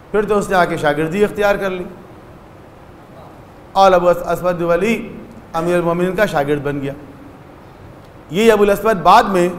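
A man with a high voice delivers a religious lecture in a hall with a long, echoing reverb. He explains patiently and voices the people in his stories. Faint ambient noise sits behind him. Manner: explanatory, acts out short dialogues in stories.

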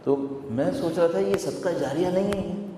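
A man's voice: high voice, background noise. A man giving a sermon in a conversational, storytelling way, repeating phrases for emphasis. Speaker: religious preacher. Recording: echoey hall with long reverb.

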